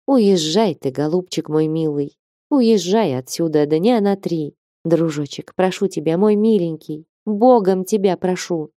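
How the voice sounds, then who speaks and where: A woman reading an audiobook and voicing a lively, teasing young woman in love, who coaxes tenderly and can turn fierce. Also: fairly low pitch, unhurried, dry recording, clean studio sound, close to an everyday voice. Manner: coaxing and affectionate, then fierce.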